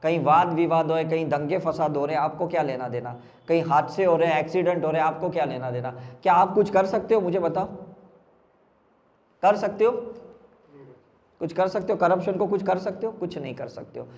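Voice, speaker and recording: A man's voice: on the high side, fairly quick, a little mellow, long reverb tail. Emphatic man quizzing his audience. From India. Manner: keeps asking the audience rhetorical questions, emphatic. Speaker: spiritual healer giving a talk. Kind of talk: motivational talk to a live audience.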